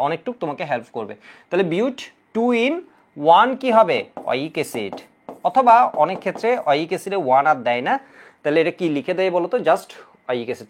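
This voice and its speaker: Male chemistry tutor, exam cram lecture, animated, coaxing Q&A delivery. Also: on the high side. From Bangladesh. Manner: lively, coaxing, asks students questions and answers them himself; repeats key rules in drilling chants. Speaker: chemistry teacher.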